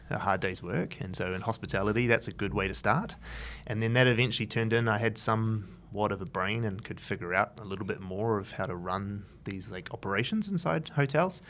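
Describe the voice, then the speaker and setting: A man's voice: lowish voice, a bit bright, slight background noise. A man in his thirties from New Zealand with a New Zealand accent, telling his story in a loose, rambling interview chat full of fillers and restarts. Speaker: guest, entrepreneur. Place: his office.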